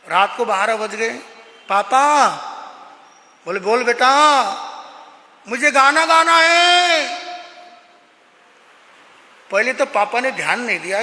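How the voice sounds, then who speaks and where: A male Jain monk with a very high-pitched, sharp voice delivers an emphatic, moralizing sermon in a prayer hall. He tells stories and acts out the dialogue, and the hall's echo leaves a long reverb.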